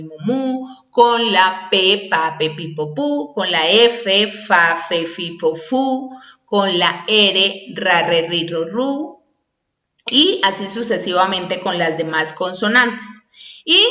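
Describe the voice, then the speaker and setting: A woman instructor giving a lesson, explaining step by step and often checking in with a quick question, sounding out syllables slowly. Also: medium pitch, bright, forceful tone. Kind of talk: recorded online lesson. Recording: dull echoey room recording.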